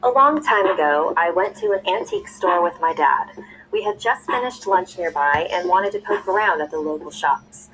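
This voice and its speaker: A young woman telling a scary story in smooth, scripted narration, played back from a video. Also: lowish voice, moderate pace, slight background noise, rough recording. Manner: smooth, even storytelling with a spoken ad read.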